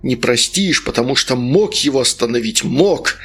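A man's voice: medium pitch, lively intonation, normal speed, fairly bright tone, slightly rough, faint music behind. A man voicing a stern, cruel male sorcerer who coaxes and orders in an audiobook. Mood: stern, persuasive. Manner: stern, coaxing, harsh barks.

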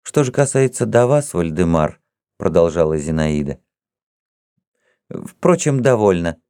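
A man's voice: deep voice, sing-song, measured pace, dark tone, clear, resonant tone, no echo, clean studio sound. A man voicing a proud, teasing young princess in an audiobook reading, with a haughty, mocking manner.

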